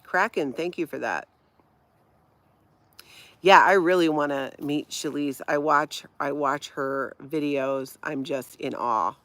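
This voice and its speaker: A middle-aged woman from Hawaii, lightly Minnesota-accented, reads her livestream chat in a casual way, laughing often at viewers' comments. She speaks slowly in a low voice that's a bit bright, with no echo.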